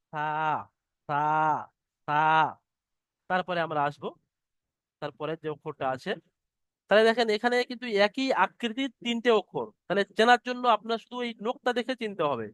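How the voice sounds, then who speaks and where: Man, online lesson, slow drawn-out letter sounds, dry close sound. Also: high voice, animated, fairly bright tone, dry recording. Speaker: Arabic alphabet teacher. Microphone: computer mic on a video call.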